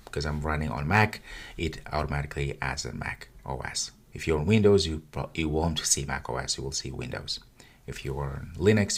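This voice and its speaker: A man giving a casual screen-recorded coding tutorial, talking through each step as he clicks around his project. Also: a bass voice. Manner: casual, talks while clicking through files. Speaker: coding instructor.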